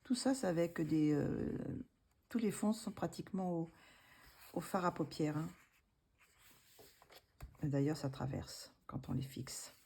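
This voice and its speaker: A woman casually showing her coloring books, hesitant with many fillers and restarts, gently self-deprecating. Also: deep voice, slow, gravelly, pauses often, breathy edge. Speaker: coloring book vlogger.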